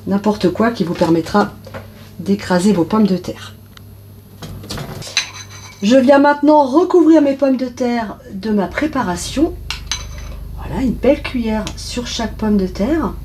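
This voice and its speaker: Chatty woman hosting a cooking video, mellow tone. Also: a little high, a little slow, pauses often, a little hiss or hum. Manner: chatty, addresses viewers directly. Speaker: cooking channel host. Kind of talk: casual recipe narration.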